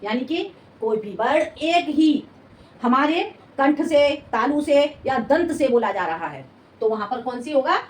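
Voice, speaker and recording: High-voiced woman teaching in an echoey room. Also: animated. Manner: repeats words slowly while writing, asks rhetorical questions. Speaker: Hindi coaching teacher. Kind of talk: classroom lesson, dictating notes. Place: coaching classroom. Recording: echoey room, mic at a distance, faint noise.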